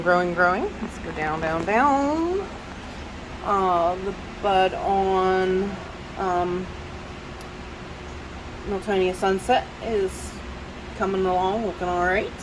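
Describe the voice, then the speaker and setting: Walking through her plant shelves in a casual vlog, a Southern US woman who grows orchids rambles along with many fillers while nursing a stuffy head cold. Her voice sits on the lower side and gets nasal whenever she bends over. There's noise in the background.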